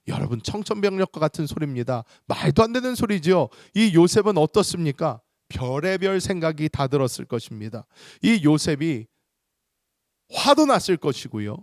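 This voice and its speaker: A man, a pastor, preaching a sermon as an expressive storyteller who lifts his voice for emphasis and sinks low at key points. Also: no echo, studio quality.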